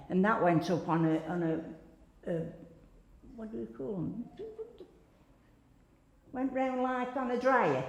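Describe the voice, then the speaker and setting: This interviewee, an older woman from Staffordshire, England, looks back on her days as a pottery worker. Her pitch is fairly low and a little mellow, and she rambles chattily, leaning on "like" and "you know." The recording has a reverberant sound.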